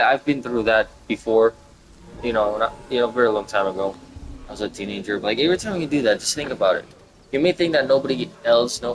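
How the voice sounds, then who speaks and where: A man in his twenties talking in a casual, reflective monologue, rambling and halting with many fillers and restarts. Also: mid-range voice, noisy background. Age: 20s. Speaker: gaming video creator.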